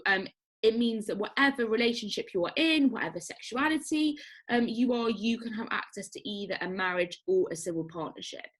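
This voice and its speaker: Husky woman presenting a workshop. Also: on the high side, fairly bright tone, low-quality recording. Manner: explanatory, frequent ums, upbeat. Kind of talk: educational workshop talk.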